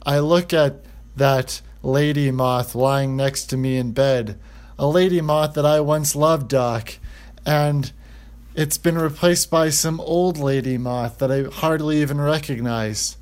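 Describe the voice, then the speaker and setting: A man voicing a weary, self-pitying male moth who tells his troubles in a halting, rambling way. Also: on the high side, steady tone, darkish tone. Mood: weary lament.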